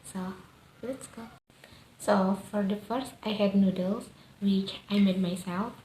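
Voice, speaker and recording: A woman with an Indonesian accent doing a casual food review vlog in simple, halting non-native English. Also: mid-range voice, fairly even intonation, mellow. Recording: echoey room with faint background noise.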